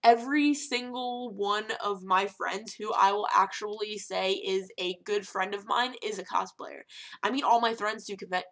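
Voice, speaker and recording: Animated young woman vlogger, rambling. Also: medium pitch, moderate pace. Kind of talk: casual vlog rant.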